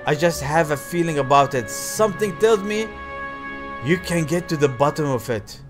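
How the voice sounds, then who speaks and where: With a fairly high pitch and lively intonation at normal speed, a gaming video host performs visual novel text with theatrical flair. He stumbles at times and slips in offhand comments over game music.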